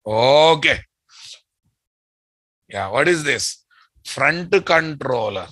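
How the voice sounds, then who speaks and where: A man's voice: medium pitch, lively intonation, extremely slow, pushed and bright, no echo. A man with a Telugu Indian accent teaching a live technical class, bluntly questioning his students and repeating key phrases. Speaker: programming instructor.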